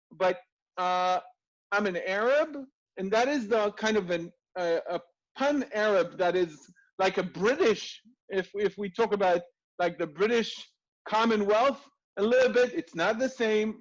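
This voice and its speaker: A man hosting an interview, talking in a hesitant way with many fillers and restarts. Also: sits high. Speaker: host. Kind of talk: casual interview chat. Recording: slightly dull lo-fi audio.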